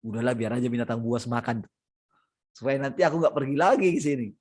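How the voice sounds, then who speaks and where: A preacher voicing a resentful young shepherd boy who grumbles in a low, muttered tone during a sermon. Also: fast talker, darkish tone, husky, no room sound, close to an everyday voice. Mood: grumbling.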